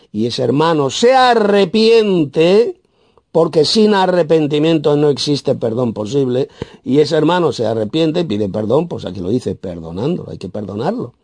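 A man with a Spain Spanish accent preaching a verse-by-verse sermon, emphatic and scornful, with sudden loud, high bursts and a habit of tagging his points with "¿eh?". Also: no room sound. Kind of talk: sermon, verse-by-verse Bible exposition.

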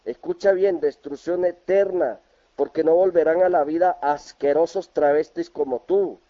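A man's voice: on the high side, steady tone, moderate pace, mellow. Scornful Colombian man preaching on muffled audio. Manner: insulting, scornful, quotes scripture. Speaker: religious debater in a video reply. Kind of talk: heated preaching rebuttal. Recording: muffled lo-fi clip.

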